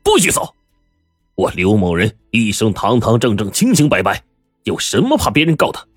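A man's voice: fairly low pitch, very animated, normal speed, no echo, studio quality, soft background music, pitched above the performer's own voice. A man voicing a stern, indignant prefect. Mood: commanding. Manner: indignant, declaiming. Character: stern upright male prefect, middle-aged official. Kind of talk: storytelling with acted dialogue.

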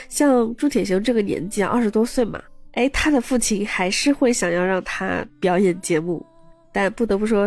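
A woman podcast host casually retelling a story, chatty, with personal asides to her listeners. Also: mid-range voice.

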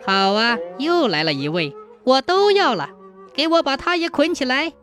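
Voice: medium pitch, lively intonation, normal speed, a bit bright, faint music behind, lightly acted. A storyteller voicing a lecherous, bullying male overseer in a folk tale, with a smirking, taunting manner.

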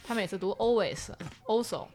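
A young woman, chatting casually and telling animated stories. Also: medium pitch, racing. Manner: animated storytelling, bursts of laughter. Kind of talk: casual chat.

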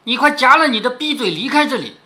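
A man voicing a proud young maid who answers with sharp, scornful retorts, read aloud from a classic novel. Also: very high voice, big pitch swings, a little fast, full character voice. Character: proud, furious young maid refusing a match. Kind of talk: storybook reading aloud.

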